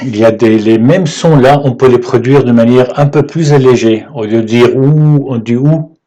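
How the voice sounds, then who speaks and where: A man teaching the alphabet in French, patient and halting, often checking in with "ok?" as he writes. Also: medium pitch, mellow, muffled recording. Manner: slow, halting delivery with fillers. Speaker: Arabic teacher. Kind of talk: whiteboard lesson explaining letters.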